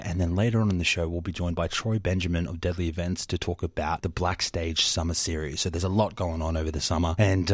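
A friendly man from the Eastern Torres Strait hosts a radio show from the studio, his voice sitting fairly low. The sound is close and dry, with no room around it. He chats easily and laughs along with his guests. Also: no echo. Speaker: radio host. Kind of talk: casual radio hosting. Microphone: studio microphone.

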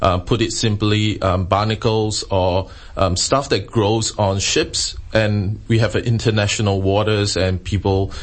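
A man speaking as an expert interview guest, explaining his research in a halting way with frequent pauses and hesitations. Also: on the low side, fairly even intonation.

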